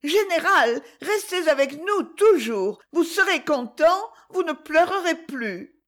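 A woman's voice: very high-pitched, animated, slow, a bit bright, pitched above the performer's own voice, heavily acted. A woman reader voicing an eager, pleading small boy in a storybook.

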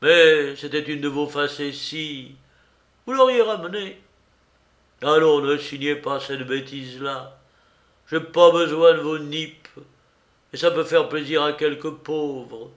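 A man doing a loud, blunt country miller. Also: fairly high pitch, takes it slowly, echoey room, voice pushed up. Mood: jovial. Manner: loud, exclaiming, indignant. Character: hearty male miller, blunt and good-natured. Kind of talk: audiobook character reading.

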